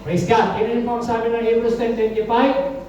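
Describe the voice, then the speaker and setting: A woman's voice: on the high side, fairly even intonation, brisk, a little mellow, muffled recording. A woman pastor preaching a sermon in a church, often calling out to the congregation for an "Amen". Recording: echoey room, mic far off.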